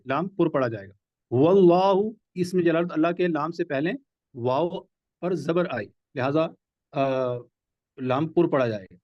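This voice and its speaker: High-voiced patient tajweed teacher, man. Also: dry recording, highs cut off. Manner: patient, repeats rules and examples slowly. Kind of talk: live online class lesson. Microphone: video call.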